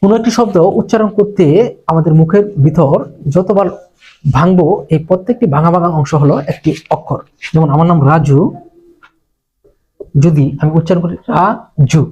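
Man, teacher from Bangladesh, exam-prep lesson, mellow, husky, slow and repetitive. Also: on the high side. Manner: slow, repetitive, breaks words into syllables. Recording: dull lo-fi recording.

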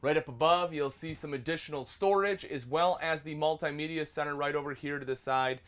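An RV product specialist in his thirties gives an upbeat walkthrough tour inside a small travel trailer, addressing viewers as folks. His voice is a little high and fairly bright, and he talks briskly.

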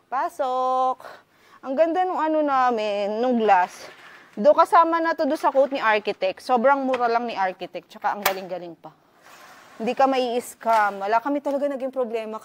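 A woman from the Philippines, excited and chatty, walking through her new house on a casual vlog tour and mixing in English words. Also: on the high side. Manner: excited, chatty, filler-heavy, switching between Tagalog and English. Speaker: vlogger giving a house tour.

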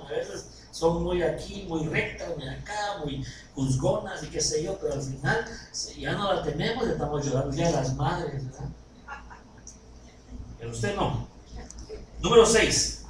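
A man preaching a sermon, animated and often asking his congregation questions. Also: fairly high pitch. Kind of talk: sermon with anecdotes and jokes. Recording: echoey hall recorded from far off, noisy.

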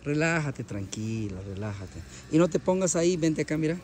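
A man's voice: fairly high pitch, fairly even intonation, fast talker. A young man with a Guatemalan accent, teasing friends and chatting to viewers while cooking outdoors. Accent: Guatemalan Spanish. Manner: teasing, playful, talks to viewers. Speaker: vlogger cooking at a tamale contest. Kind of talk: casual joking banter. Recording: loud frying and sizzling noise.

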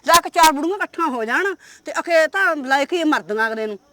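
A woman's voice: sits high, lively intonation, a little fast, pushed and bright, a little hiss or hum. A woman playing a blunt, chatty elderly village aunt in a homemade comedy drama.

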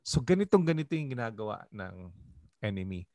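With a warm, sing-song voice on the low side, a Filipino pastor speaks a little fast in a dry recording. He leads a conversational Bible study in Tagalog mixed with English, often asking the group questions.

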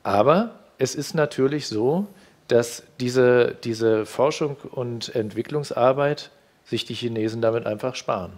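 A man's voice: mid-range voice, measured pace. A man in his fifties describing what he filmed at a car fair, talking hesitantly with many restarts and fillers, on a headset mic in a TV studio. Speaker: reporter recounting a car fair visit. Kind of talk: studio discussion.

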